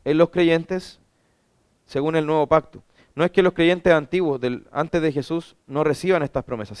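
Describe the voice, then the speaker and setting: A man's voice: a little high, clear, resonant tone, no room sound, studio quality. A man, a pastor, teaching a Bible class; he reads scripture aloud and asks rhetorical questions that he then answers himself.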